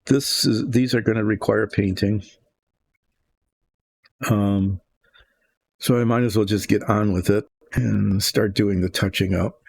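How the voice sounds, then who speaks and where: An older man talks his way through painting models in his home workshop, rambling and thinking aloud as he goes. His voice sits low and rough with a husky, gravelly edge. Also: darkish tone. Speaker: hobby painting host. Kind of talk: relaxed workshop chat while painting.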